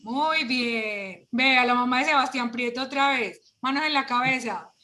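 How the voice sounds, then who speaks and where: A woman leading an online workshop for parents, lively and full of rhetorical questions, heard over a video call. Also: sits high, unhurried.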